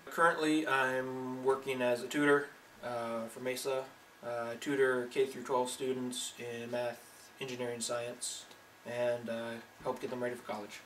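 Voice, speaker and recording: A man's voice: mid-range voice, flat delivery, unhurried, fairly bright tone, echoey room, far from the mic, slight background noise. A man in his twenties introducing himself hesitantly, with many "uh"s. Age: 20s. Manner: hesitant, full of "uh"s. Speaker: math tutor. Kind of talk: casual self-introduction.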